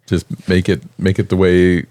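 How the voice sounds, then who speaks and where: A man co-hosting a casual chat podcast, easygoing and quick to laugh at himself. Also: deep voice, completely flat delivery, darkish tone. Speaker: podcast co-host.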